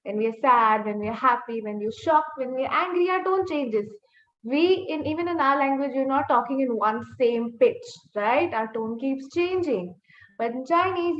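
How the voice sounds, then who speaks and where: A woman with a high voice teaches beginners over a webinar, explaining step by step and stretching out sample sounds. The sound is dull, and her voice echoes around the room. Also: a little hiss or hum. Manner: explains step by step, stretching and singing out demonstration syllables. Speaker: language teacher. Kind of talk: online class lesson. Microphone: computer mic on a video call.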